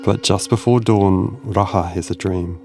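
A man narrating a history documentary in a measured, dramatic way. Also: low-pitched, fairly even intonation. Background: soft music.

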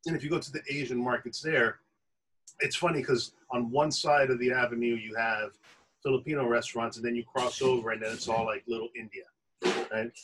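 Man, husky voice, mid pitch, restaurant owner, explanatory interview answers, enthusiastic about food. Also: fairly bright tone, rough recording.

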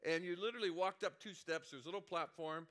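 Bright-voiced man preaching conversationally. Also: high voice, quick pace. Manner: conversational storytelling, many restarts and asides. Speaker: senior pastor. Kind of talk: sermon with personal story.

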